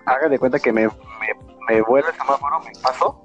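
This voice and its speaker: A man with a Mexican accent, telling a story in casual chat, animated and slangy, with a lot of swearing. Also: medium pitch, fast, dull audio, faint music behind. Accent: Mexican Spanish. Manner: animated, slangy and profane, acts out quoted voices.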